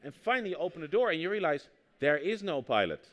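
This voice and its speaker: Fast and somewhat high-voiced, this native Dutch speaker talks with a Dutch accent as the guest author and anthropologist in an on-stage conversational interview. His storytelling is lively and anecdotal, and he performs the quotes he recounts.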